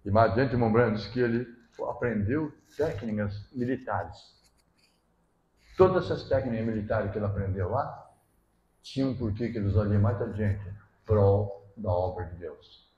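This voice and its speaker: A male pastor with a Gaúcho accent from southern Brazil, preaching with emphasis, swinging between loud bursts and low asides and often checking that the listeners follow. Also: normal speed, lo-fi sound, a little hiss or hum. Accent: Gaúcho Brazilian Portuguese. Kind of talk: sermon. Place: church hall. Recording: roomy church hall echo.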